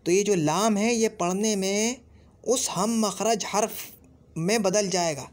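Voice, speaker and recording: Urdu-accented guy teaching arabic grammar, voice a bit high, keeps drilling each sound again and again. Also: a little mellow. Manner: repeats sounds slowly and drills each letter. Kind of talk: classroom-style grammar lesson.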